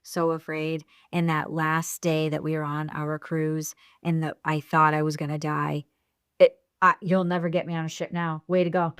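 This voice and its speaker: A woman with a lowish voice co-hosts a relaxed chat podcast and mostly answers in short, blunt reactions. Her voice is recorded close and dry, with no room sound. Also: normal speed, clear, resonant tone, no echo. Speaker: podcast co-host. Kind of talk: casual chat.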